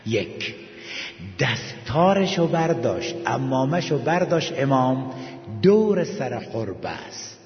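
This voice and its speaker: A man delivering a religious sermon, telling a story with deep emotion and breaking into chanted passages. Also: very animated, faint music behind. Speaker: preacher. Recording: dull echoey hall recording.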